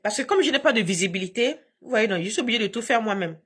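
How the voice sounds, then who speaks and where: A woman's voice: on the high side, animated, quick pace, breathy edge. A woman hosting a casual live stream from home on her phone, talking in a combative, emphatic way with frequent laughs.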